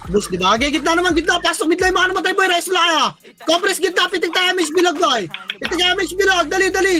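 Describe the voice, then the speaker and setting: A player calling shots in live esports team comms, barking rapid callouts, counting down and cursing often. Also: extremely high pitch, pushed and bright, soft background music. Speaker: team shot-caller.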